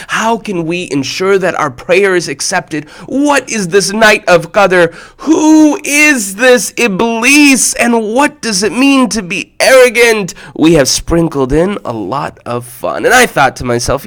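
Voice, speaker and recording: A man hosting a children's show, playfully and excitedly reacting to clips that viewers sent in. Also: a little high. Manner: animated and playful, exclaiming often.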